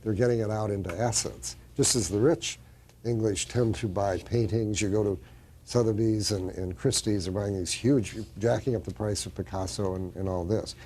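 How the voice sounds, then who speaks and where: A man's voice: fairly low pitch, fairly even intonation, moderate pace, darkish tone, slight background noise. A man speaking as a guest author in a studio discussion, explaining at length with frequent restarts.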